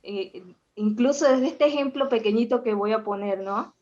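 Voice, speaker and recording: A Venezuelan woman in her forties speaks in a measured way and pauses on fillers as she builds her point. Her voice comes through a dull, lo-fi recording, and her pitch sits mid-range for a woman. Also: darkish tone. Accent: Venezuelan Spanish. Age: 40s. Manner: measured, hesitant, with many fillers. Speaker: audience participant, accountant. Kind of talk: conversational comment.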